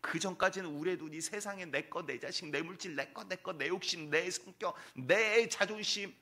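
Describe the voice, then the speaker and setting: A man's voice: on the high side, a little fast, bright, forceful tone, breathy edge. A man preaching a sermon as pastor in a church sanctuary, emphatic and full of rhetorical questions to his congregation.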